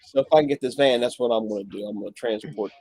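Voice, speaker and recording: A man talking on a casual live chat, halting, with many fillers and restarts. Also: mid-range voice, a little mellow, a little hiss or hum, poor audio.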